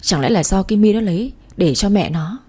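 A woman's voice: mid-range voice, animated, a little fast, a little mellow, slightly rough. A woman voicing a stern, gullible middle-aged father who speaks bluntly in a storybook reading.

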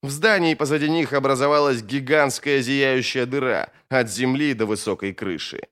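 A man narrating a fantasy novel as an audiobook in a steady, expressive storytelling manner. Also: mid-range voice, moderate pace, smooth.

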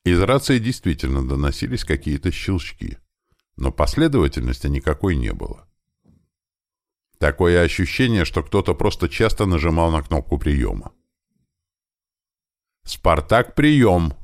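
A man narrating a first-person audiobook with steady storytelling. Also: extremely low pitch, moderate pace, creaky, dry recording, clean studio sound. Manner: steady storytelling with lively shifts.

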